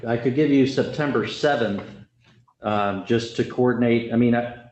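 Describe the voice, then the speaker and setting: A man serving as judge in a courtroom, speaking haltingly with many fillers and self-corrections. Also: mid-range voice, darkish tone. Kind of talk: courtroom proceedings. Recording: echoey, dull courtroom audio with faint noise.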